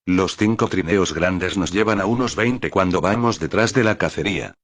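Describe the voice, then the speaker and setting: An actor playing a rich, philosophical, pipe-smoking Yorkshire man who talks in a calm, folksy way. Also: low voice, moderate pace, no echo. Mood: reflective. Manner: calm, folksy, calls others lad.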